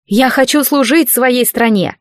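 A woman reading an audiobook, voicing a bold, sharp-tongued young village woman who answers back defiantly, in a dry, close recording. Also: high voice, unhurried, dry recording, pitched above the performer's own voice. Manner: defiant and cheeky. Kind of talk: audiobook dialogue.

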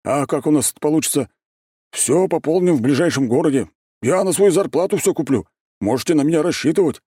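A keen young country fellow, played by a male reader offers help with simple, rustic eagerness. His voice sits much higher than the narrator's deep tone and sounds set apart in timbre. The recording is dry and close. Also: expressive, a little fast, dark tone, husky, no room sound. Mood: eager. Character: eager young village man, helpful servant.

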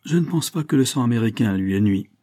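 A man's voice: medium pitch, lively intonation, warm tone, no room sound, close to an everyday voice. A man reading aloud, voicing a dry, cutting old English lawyer who speaks curtly, coldly and with measure. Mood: cool. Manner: curt, cold and measured.

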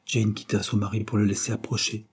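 A man narrating a nineteenth-century novel as an audiobook in a steady, measured reading. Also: on the low side, slightly rough.

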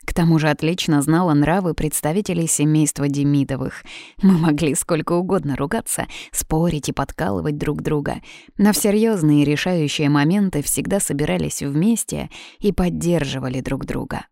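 A woman's voice: low-pitched, normal speed, gravelly, mellow, dry recording, clean studio sound. A woman reading an audiobook in scripted narration, with a lightly ironic storytelling manner.

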